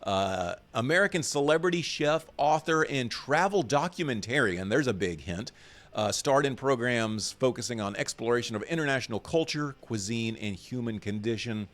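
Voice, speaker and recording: A man's voice: mid-range voice, lively intonation, normal speed, fairly bright tone. A man co-hosting a crypto news stream in a casual, rambling and self-deprecating way, with lots of fillers. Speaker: co-host of a crypto news show. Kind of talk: casual livestream chat.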